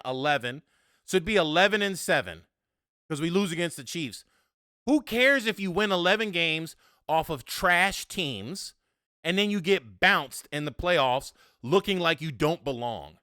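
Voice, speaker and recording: A man hosting a sports podcast, talking casually with animated, annoyed rhetorical questions. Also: sits high, clean tone, dry recording, clean studio sound. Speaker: podcast host.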